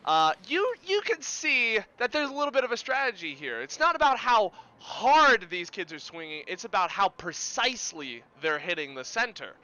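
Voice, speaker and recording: Bright-voiced man running a tabletop game. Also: high voice, normal speed, few pauses, rough recording. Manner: animated narration with vocal sound effects. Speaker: game master.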